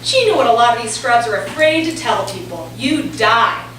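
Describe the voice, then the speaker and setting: A woman's voice: fairly high pitch, expressive, moderate pace, fairly bright tone. A woman playing a brash, evasive oncologist in a staged play, with an emphatic, theatrical delivery. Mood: irate, impatient. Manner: theatrical, emphatic, switching to stiff medical jargon. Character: brash, foul-mouthed woman oncologist, evasive and clinical with patients. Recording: very echoey room, distant mic, faint noise.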